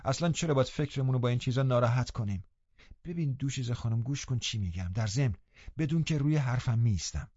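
A blunt, sharp-tongued older housekeeper, read by a man in his own dark, mellow tone, only slightly raised. She scolds firmly and speaks her mind. The recording is dry and a little dull. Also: mid-range voice, dry recording, close to an everyday voice. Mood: stern. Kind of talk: audiobook character reading.

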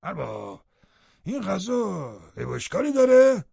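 A man's voice: sits high, huge pitch swings, vocal fry, mellow, breathy edge, no room sound, muffled recording, pitched above the performer's own voice, full character voice. A man doing a sour old grumbling servant. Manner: grumbling and disapproving. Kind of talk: audiobook character reading.

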